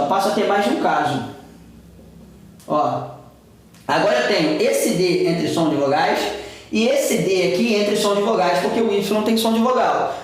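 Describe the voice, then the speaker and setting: A Brazilian Portuguese-speaking man teaching an English pronunciation lesson, patiently repeating example words. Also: high voice. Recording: very echoey room.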